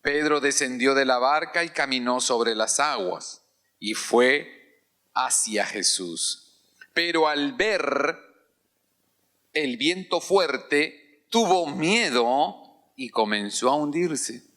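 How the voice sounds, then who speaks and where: A man's voice: a little high, lively intonation, takes it slowly, a bit bright. A male pastor preaching a sermon in a church, calling out hallelujah and having the congregation repeat phrases after him.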